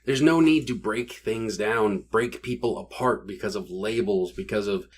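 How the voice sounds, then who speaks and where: A man's voice: lowish voice, moderate pace, husky. Earnest young man co-hosting. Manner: earnest, chiming in with quips. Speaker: podcast co-host. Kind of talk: unscripted convention chat.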